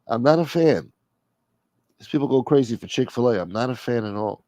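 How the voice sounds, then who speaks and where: A man hosting a show, delivering a crude, deadpan comic monologue. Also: medium pitch, a little fast, no echo, studio quality. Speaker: show host. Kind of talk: rambling comedic monologue.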